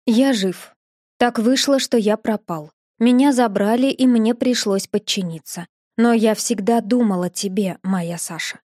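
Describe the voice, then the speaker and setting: A woman voicing a gentle, remorseful young man who speaks softly and tenderly in an audiobook. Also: a little high, unhurried, no room sound, clean studio sound. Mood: earnest. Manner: soft, quiet, tender.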